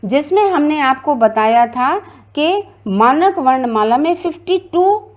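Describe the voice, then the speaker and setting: A woman's voice: high-pitched, animated, measured pace, highs cut off. A woman teacher giving a classroom grammar lecture, explaining step by step and repeating her points.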